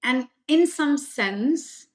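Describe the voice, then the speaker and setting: A middle-aged woman from India hosts a reflective podcast. She talks in an earnest, measured way and lists her points in short phrases. Her voice carries a roomy echo. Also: high voice, expressive. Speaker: podcast host.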